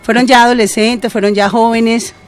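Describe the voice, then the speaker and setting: An older Colombian woman with a Colombian accent, a radio listener telling her story in a lively, animated way. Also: on the high side, normal speed, soft background music. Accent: Colombian Spanish. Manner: animated testimony. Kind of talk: casual on-air chat.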